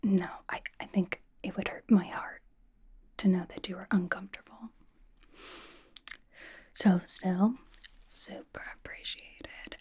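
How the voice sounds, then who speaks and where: Slow and full of long pauses, this mid-range breathy whisper belongs to a woman roleplaying a vain, sassy young K-pop idol who dotes on a fan in ASMR. She sounds fond and bragging, her teasing delivery deadpan.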